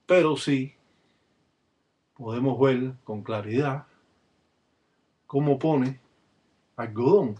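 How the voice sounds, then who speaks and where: Man, webcam talk, practitioner explaining rituals, measured, fills pauses with "eh". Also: medium pitch, warm tone, breathy edge, dull audio. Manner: measured, with frequent "eh" fillers.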